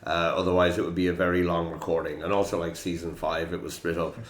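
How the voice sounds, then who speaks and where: A man's voice: deep voice, little pitch movement, reverberant. A man with an Irish accent hosting a quiz podcast, chatty and joking with his players. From Ireland. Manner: jokey, chatty, quick quips. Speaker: quiz host. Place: room in Prague.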